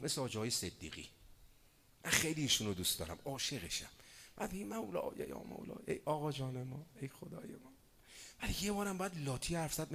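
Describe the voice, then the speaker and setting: A man with a Tehrani accent preaching a sermon, swinging from hushed asides to loud chanted verses. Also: medium pitch, big-room sound. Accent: Tehrani Persian. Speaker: cleric preacher. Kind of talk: sermon with storytelling.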